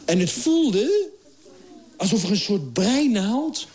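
A man's voice: high-pitched, takes it slowly, a crowd in the background. A man telling a comic story on stage, acting out the characters as he goes. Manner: animated, acts out characters in English and Dutch. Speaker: comedian. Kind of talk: stand-up storytelling.

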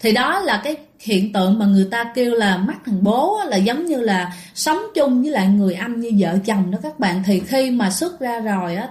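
A woman with a Southern Vietnamese accent telling ghost stories to listeners in a lively, animated way. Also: medium pitch. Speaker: ghost story narrator. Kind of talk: storytelling to listeners. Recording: echoey room.

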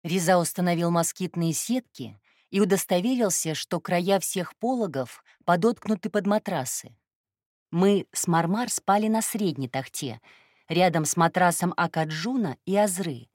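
A woman reading a first-person story aloud in a calm, even narration. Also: lowish voice, normal speed, no echo, studio quality. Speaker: audiobook narrator.

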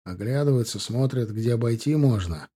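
A man voicing a young, steady ensign in an audiobook, giving brisk officer's orders. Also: medium pitch, husky, close to an everyday voice. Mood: calm.

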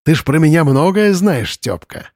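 A man's voice: on the high side, very animated, moderate pace, a little mellow, no echo, clean studio sound, voice pushed up. A man voicing a cruel, menacing young village master who threatens and mocks in an audiobook. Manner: threatening, mocking. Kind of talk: audiobook character voice.

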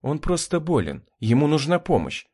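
Man playing a compassionate young woman, sharp, high voice, lively. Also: normal speed. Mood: caring. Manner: caring but sharp.

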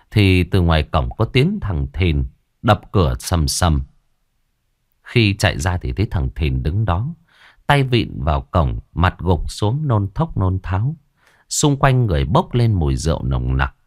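A man, narrating a ghost story dramatically. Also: low-pitched.

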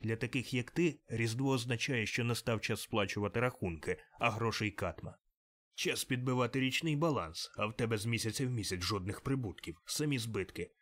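A stingy old miser who snaps and grumbles at everyone, as a male reader plays him. Curt and gruff, kept close to the reader's own middle-pitched voice in this storybook reading. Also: brisk, fairly bright tone, close to an everyday voice. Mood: scornful grumbling. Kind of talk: audiobook character reading.

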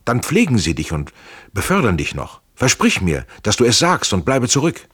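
A man voicing a bold, defiant fugitive soldier who speaks in a forceful, blunt, commanding way. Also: mid-range voice, huge pitch swings, normal speed, breathy edge, voice pushed up, exaggerated voice. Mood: resolute.

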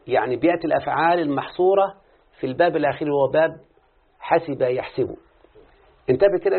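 A man's voice: a little high, creaky, breathy edge. A man teaching Arabic morphology with an Egyptian accent, quizzing his student and repeating the answers back to him. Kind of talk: classroom lesson with questions to a student. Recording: phone-like lo-fi audio.

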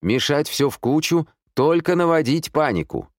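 A man's voice: a little high, lively intonation, moderate pace, dry recording, studio quality, voice pushed up, lightly acted. A man voicing a radio news announcer, formal and announcing.

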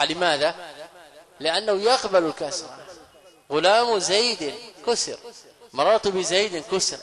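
A male scholar gives a classroom grammar lecture, posing questions and answering them himself while slowly repeating key phrases. His voice is a little high with a fairly bright tone.

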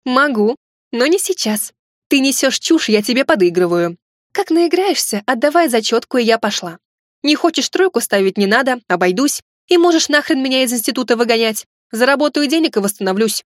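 A woman voicing a sharp-tongued young female student who talks in a pert, indignant way. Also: fairly high pitch, animated, fairly quick, no room sound, studio quality, lightly acted. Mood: cheeky indignant.

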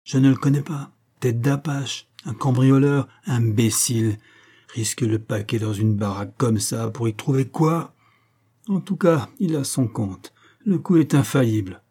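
Un homme qui joue un ancien vicomte criminel, froid et calculateur, au ton méprisant et cassant. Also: male voice, mid-range voice, unhurried, mellow, slightly rough. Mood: scornful. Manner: contemptuous, snapping, sometimes hissed. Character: cold scheming former viscount, criminal man.

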